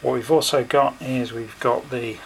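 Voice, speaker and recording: In a noisy home recording full of clicks, a man reviews a product by demonstrating it step by step. He speaks in brief, relaxed phrases, his medium-pitched voice gravelly with fairly even intonation.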